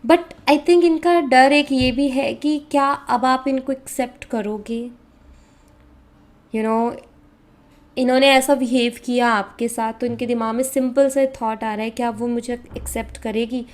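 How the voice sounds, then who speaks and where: A woman from India talks through a tarot reading in a casual, conversational way. Her voice sits a little high, and she mixes English words in freely with frequent hesitation fillers. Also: fairly even intonation, measured pace. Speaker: tarot reader.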